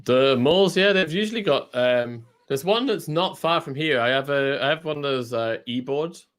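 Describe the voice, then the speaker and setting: A man from England chatting casually on a video call, his pitch sitting in a middle range. He stumbles and restarts often, laughs easily and keeps his stories loose and friendly. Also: lively intonation, normal speed, fairly bright tone. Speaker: podcast host. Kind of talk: casual chat. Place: at home in China.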